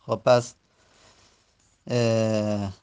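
Man slowly reciting an Arabic grammar lesson. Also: fairly low pitch, flat delivery, darkish tone, clean tone. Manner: slow, repetitive recitation of word forms; self-correcting, with frequent pauses. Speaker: teacher.

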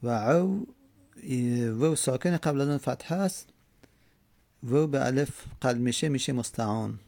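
A man teaching Arabic grammar, reading a text and slowly repeating word forms aloud. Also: medium pitch, vocal fry, a little mellow, no echo. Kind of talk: classroom lesson with text reading.

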